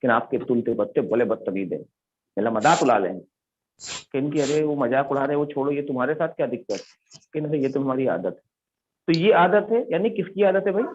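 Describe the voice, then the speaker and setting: A man's voice: mid-range voice, animated, brisk, a little hiss or hum. Male teacher, classroom lesson, asks students questions, repeats key words, tinny phone-like sound. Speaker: English teacher.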